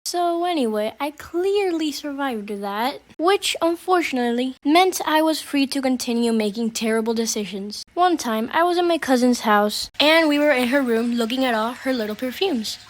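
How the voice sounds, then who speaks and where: A young woman telling comic stories about her own childhood, animated and self-mocking, acting out the quotes. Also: high-pitched, moderate pace, hardly any pauses. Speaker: storytelling animator. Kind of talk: comedic storytime narration.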